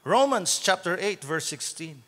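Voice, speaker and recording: A man with a Filipino accent preaching a sermon as pastor, mixing Tagalog and English and breaking into loud shouted praise. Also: sits high, lively intonation, unhurried, in a large hall, a little hiss or hum. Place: church sanctuary.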